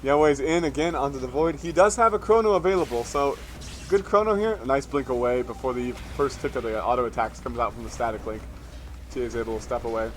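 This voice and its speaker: A man casting live esports play-by-play, calling a team fight in fast, rising bursts, tired and with his voice a bit worn late at night. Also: medium pitch, a little hiss or hum. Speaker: esports caster. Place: at home, streaming late at night.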